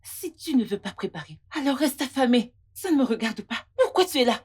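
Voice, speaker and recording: A scornful young woman with a high, lively voice that swoops up and down. She taunts and mocks, and her bossy tone never lets up. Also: fairly quick, slightly rough. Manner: mocking, taunting. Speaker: dubbing actress. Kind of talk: dubbed film drama.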